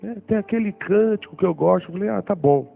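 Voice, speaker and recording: A man's voice: high voice, brisk, vocal fry, soft background music. A man, telling his testimony in a sermon and acting out what people said. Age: 40s. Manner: animated storytelling, acting out voices. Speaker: preacher. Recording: tinny phone-like sound.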